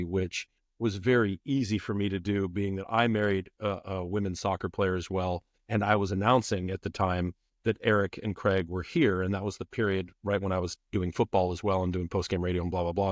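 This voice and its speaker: This podcast guest, a middle-aged man who used to be a public address announcer, talks briskly in a low, steady voice. The studio sound is clean with no echo, and in this spirited conversational interview he is emphatic, repeating phrases to stress them.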